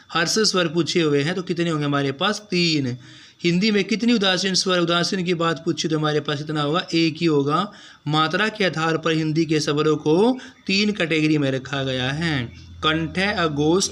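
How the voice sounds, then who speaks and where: A man's voice: fairly high pitch, fairly bright tone. A man teaching an exam-prep lesson, asking each question aloud, answering it and repeating the answer back to his students. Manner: keeps addressing students directly.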